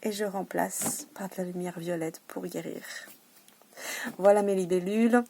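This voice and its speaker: A woman working as a wellness coach, speaking casually and encouragingly, with hesitant restarts, sometimes dropping to a soft hush to guide breathing exercises. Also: fairly low pitch, fairly even intonation, normal speed, creaky, noisy background. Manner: drops to a soft hush while guiding breathing. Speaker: wellness coach offering private sessions and massages. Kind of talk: casual self-help talk with guided breathing.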